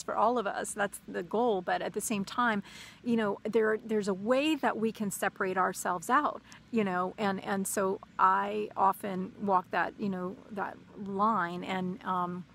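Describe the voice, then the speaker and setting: A woman's voice: medium pitch, fairly even intonation, unhurried, gravelly, a bit bright, a little hiss or hum. A woman talking casually in a personal vlog, rambling with many fillers and restarts, short on sleep and running on coffee. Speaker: spiritual vlogger.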